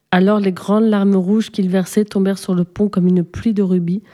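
A woman storyteller reading a fairy tale aloud in a calm, measured way. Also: mid-range voice. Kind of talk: storybook narration.

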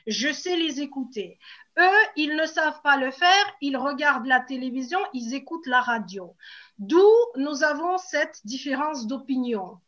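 A woman's voice: high-pitched, pushed and bright. A woman from Moscow, a native Russian speaker, explains her view as an ordinary citizen in a hesitant but emphatic way, in dull lo-fi sound. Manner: hesitant, emphatic, repeats key points. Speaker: ordinary citizen giving testimony in a panel discussion. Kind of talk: spontaneous explanatory discussion.

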